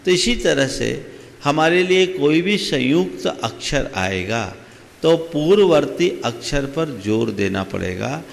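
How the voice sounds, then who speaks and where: A man giving a slow, deliberate religious discourse to an audience, explaining and asking them questions. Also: a little high, lively intonation, gravelly, big-room sound. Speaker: Jain monk giving a discourse. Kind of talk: sermon.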